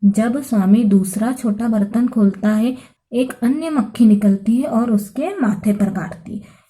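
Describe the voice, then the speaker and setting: A woman teacher explaining a lesson, reading each phrase and then translating it slowly, often repeating herself. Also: on the high side, dark tone, low-quality recording. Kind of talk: explaining a Sanskrit lesson in Hindi.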